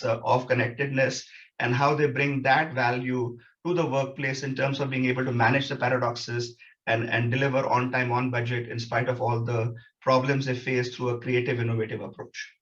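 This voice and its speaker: A man delivers an academic conference talk in a reflective, steady way, stacking his points in lists. The audio sounds dull and slightly muffled, like a low-fidelity video call. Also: normal speed. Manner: reflective, builds points in repeated phrases. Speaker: researcher presenting.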